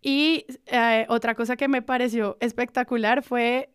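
A woman, co-hosting a podcast and gushing excitedly in casual chat. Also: fairly high pitch, unhurried, smooth, dry recording, clean studio sound. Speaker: podcast co-host.

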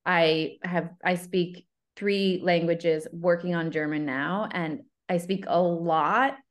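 Speaking slowly in a lowish voice with fairly even intonation, a love coach chats casually as a guest in an interview. She comes across as earnest and eager, her answers wandering as she goes.

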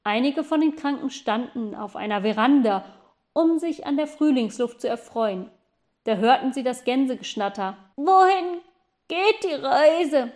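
A woman narrating a children's storybook in a calm, even reading voice. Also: fairly high pitch, moderate pace. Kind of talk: audiobook storytelling.

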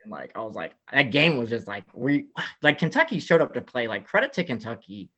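A man's voice: medium pitch, a little fast. Rambling man telling a story. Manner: rambling, many "like" fillers, animated retelling. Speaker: podcast guest. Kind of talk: casual storytelling chat.

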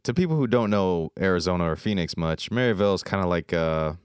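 A young man chats in an easygoing, slangy way, often drifting off mid-sentence. His voice sits very low and comes across smooth and resonant. The sound is dry and close, with no room around it. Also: expressive, quick pace, dry recording. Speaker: podcast co-host. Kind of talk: casual chat.

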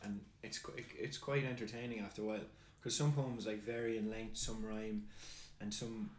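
A man's voice: lowish voice, level tone, roomy sound, a little hiss or hum. Sweary man in casual chat. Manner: sweary, rambling, quick bursts. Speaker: podcast co-host.

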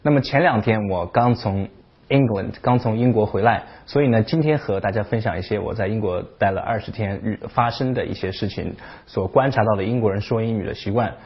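Husky low-voiced man teaching English. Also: brisk, dull audio. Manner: animated, breaks off to imitate accents. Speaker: English teacher, channel host. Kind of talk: casual video lesson.

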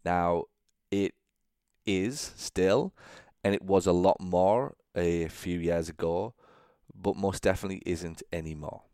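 Low-voiced man, dry solo podcast talk. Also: slow, mellow, smooth, no echo. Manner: conversational, checks in with "okay?", frequent fillers and restarts. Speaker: podcast host.

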